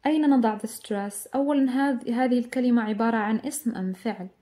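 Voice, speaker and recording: Woman, English teacher, fairly high and warm, patient, repeats words slowly. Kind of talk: exam review lesson.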